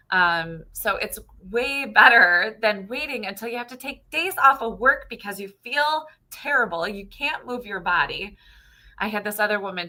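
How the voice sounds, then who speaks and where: A woman chiropractor chatting casually, telling patient stories and acting out their lines with lively emphasis. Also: lowish voice, rough recording. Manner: animated storyteller, acts out patient dialogue. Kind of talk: casual chat.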